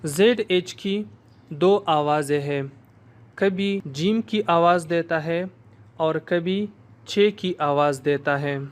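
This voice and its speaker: A male language teacher giving a slow, explanatory recorded lesson and modeling sounds for learners to repeat. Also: on the high side.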